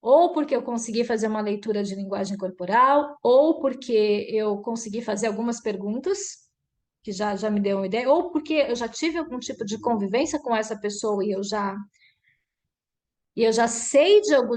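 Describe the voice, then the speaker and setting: A woman mentoring a group online, lively and explaining with acted-out examples over a video call. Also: on the high side, normal speed. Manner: lively, acts out example dialogues. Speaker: workshop mentor.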